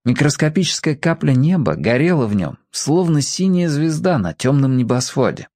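A man's voice: on the high side, very animated, moderate pace, a little mellow, no echo, clean studio sound. A man reading a children's story aloud, expressively giving each character a voice of their own.

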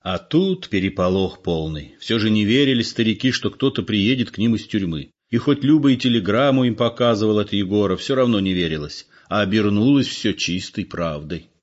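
Male audiobook narrator, expressive, low-pitched voice, dull lo-fi recording. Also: moderate pace, few pauses. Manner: expressive, acts out the characters. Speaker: reader.

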